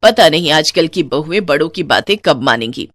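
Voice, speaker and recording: A woman's voice: low voice, normal speed, fairly bright tone, no echo, studio quality. A woman voicing a strict, old-fashioned older mother-in-law in a cartoon story, scolding and commanding her daughters-in-law. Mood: stern.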